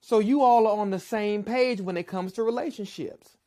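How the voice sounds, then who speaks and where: A woman giving measured, persuasive relationship advice in a documentary interview. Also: medium pitch, dark tone. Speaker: relationship speaker.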